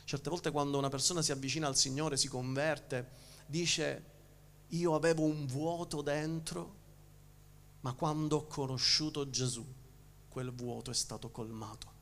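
A male pastor with a Sicilian Italian accent, preaching a sermon, swinging from loud emphasis to hushed near-whispers and often restarting his words. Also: a little high, steady tone, unhurried.

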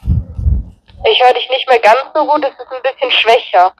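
A woman's voice comes through a handheld two-way radio, a little higher than most, with a dry, close sound. She keeps her replies short and plain, like someone doing radio checks. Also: a little slow, no room sound, poor audio. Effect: heard through a handheld two-way radio. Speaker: radio test partner. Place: on a balcony, then indoors.

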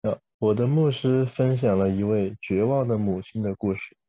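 A man with a deep, very mellow voice interprets live, relaying each sentence right after the speaker. He now and then catches himself and corrects a word. The sound is muffled and lo-fi, like audio from an online call. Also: moderate pace, no room sound.

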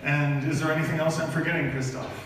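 A man's voice: fairly high pitch, flat delivery, fast talker. A man with a Canadian accent hosting a live startup competition, upbeat and loose, stumbling over names. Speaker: event host. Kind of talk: live event emceeing. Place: large event hall. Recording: echoey hall, speaker far off, faint noise.

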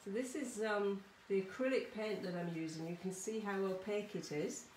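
Recorded on a camera or phone set a little way off, this roomy, distant audio with some background noise captures a middle-aged woman running a children's art workshop in a small conservatory-style home studio. She demonstrates casually, staying chatty and encouraging and frequently checking in with the kids. Her voice sits at medium pitch, a little mellow, at a moderate pace.

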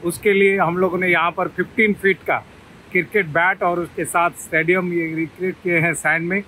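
A man in his thirties with a high, bright voice speaks haltingly to a close phone camera, pausing to find his words. He is outdoors on a beach, with faint noise behind him. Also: little pitch movement, low-quality recording. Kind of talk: talking to camera.

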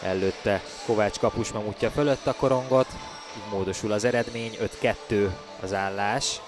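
A man giving excited ice hockey commentary, with his voice rising loudly for the big plays. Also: lowish voice, over music. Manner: bursts into loud, raised calls on goals.

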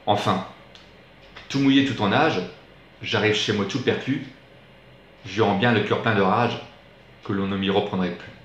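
A man's voice: fairly low pitch, a little slow, long pauses. Man reciting verse in an echoey room. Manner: dramatic, expressive, swings from excited to hushed. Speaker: performer reciting a verse monologue.

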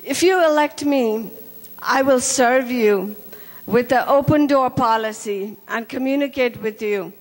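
A woman's voice: sits high, unhurried. A woman from Nepal giving a formal, gracious debate closing statement on a handheld mic. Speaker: state house candidate. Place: large indoor community hall. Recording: long hall reverb.

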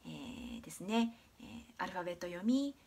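A Japanese woman teaching English pronunciation in a video lesson, patient and clear, demonstrating sounds slowly with many drawn-out fillers. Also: on the low side, huge pitch swings, a little mellow.

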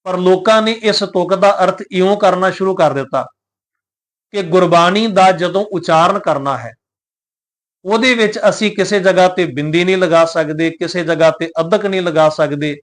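High-voiced man teaching scripture pronunciation. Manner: addresses the congregation, poses rhetorical questions; measured, explanatory delivery. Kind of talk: devotional teaching talk.

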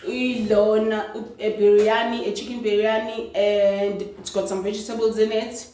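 A woman's voice: medium pitch, flat delivery, moderate pace, warm tone. A middle-aged woman, chatting casually in a vlog and often calling out to "guys". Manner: chatty, keeps saying "guys". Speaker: lifestyle vlogger. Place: airport terminal, then home kitchen. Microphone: phone at arm's length. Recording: phone video with crowd and background noise.

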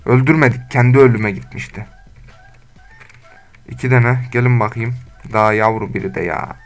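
A man's voice: medium pitch, moderate pace. A young man giving casual, slangy commentary while playing Minecraft, scolding his animals and talking to viewers. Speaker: gaming YouTuber. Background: faint game music and keyboard typing.

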